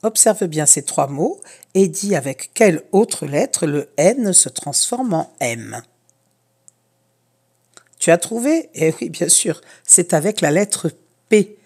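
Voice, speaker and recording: Woman teacher, reading lesson for small children, slow careful delivery, lowish voice, encouraging tone. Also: sing-song, warm tone. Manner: slow, clear, encouraging instructions addressed to a child. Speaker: primary school teacher.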